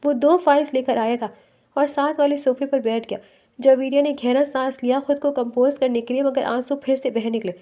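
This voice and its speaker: Woman narrator, high voice, steady bedtime novel reading. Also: normal speed.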